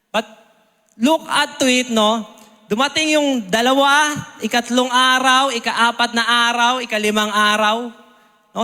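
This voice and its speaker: High bright-voiced Filipino man preaching. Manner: Taglish with constant "no?" and "amen?" tags; acts out soldiers' questions in a raised voice. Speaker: lay preacher. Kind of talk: sermon. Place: church hall. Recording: long church hall reverb.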